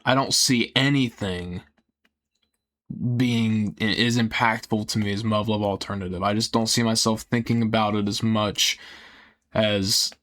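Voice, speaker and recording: A young man talking casually and earnestly in a rambling, halting way that often trails off, with some casual swearing. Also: fairly low pitch, steady tone, a bit bright. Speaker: video creator. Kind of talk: casual rambling personal talk.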